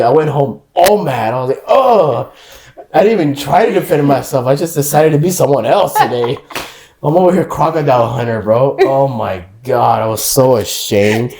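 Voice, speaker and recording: A man's voice: mid-range voice, a little mellow, a little hiss or hum. A man guest on a podcast, telling a story in casual slangy chat and laughing along. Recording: echoey room.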